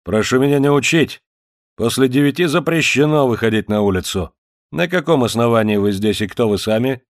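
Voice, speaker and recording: A man's voice: medium pitch, lively intonation, fairly quick, dry recording, studio quality, pitched above the performer's own voice, natural voice. A man voicing a bullying, suspicious Cossack officer who barks commands and interrogates in an audiobook. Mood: interrogating. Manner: barking commands, harsh and interrogating.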